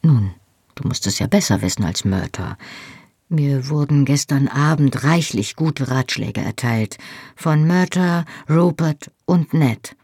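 A narrator voicing a shy, earnest young Scottish man in an audiobook, speaking softly and hesitantly. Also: medium pitch, lively intonation, unhurried, husky, no echo, clean studio sound. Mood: bashful. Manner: soft, bashful, hesitant speech. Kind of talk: audiobook character voice.

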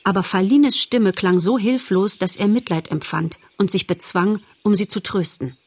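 A woman narrating a children's animal story in a measured, expressive audiobook reading. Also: mid-range voice, slightly rough, no echo.

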